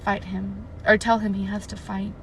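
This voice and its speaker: A woman reading out a young woman's tender parting message from a book, in a soft and wistful tone. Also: mid-range voice, level tone, moderate pace, slight background noise, lightly acted, poor audio.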